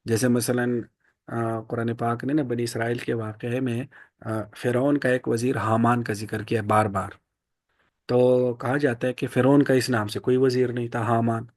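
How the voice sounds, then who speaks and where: A man giving a classroom lecture in an explanatory way, often pausing and restarting his sentences. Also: medium pitch, flat delivery, darkish tone, no room sound, studio quality. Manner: explanatory, frequent fillers and restarts. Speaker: teacher.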